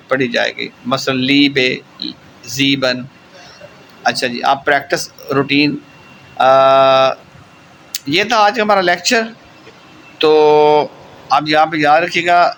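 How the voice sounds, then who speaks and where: Bright-voiced man teaching German slowly. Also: medium pitch, slight background noise, rough recording. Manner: slow, drawn-out explaining with frequent "theek hai" check-ins. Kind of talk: online language lesson.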